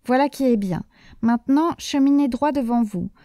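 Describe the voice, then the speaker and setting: A woman's voice: sits high, normal speed, dark tone, dry recording, studio quality. A woman voicing a kindly old male saint who keeps heaven's gate, genial and reassuring.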